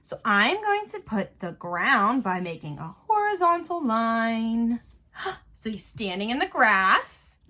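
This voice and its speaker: A woman who teaches elementary art takes young children through a step-by-step drawing tutorial, speaking in simple, encouraging phrases. She talks slowly in a higher voice with a sharp tone and big pitch swings.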